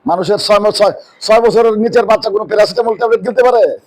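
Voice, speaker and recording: A man preaching a sermon in a mosque. He asks rhetorical questions and answers them himself, and drops his voice low on key words. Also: fast, low-quality recording. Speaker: Islamic preacher.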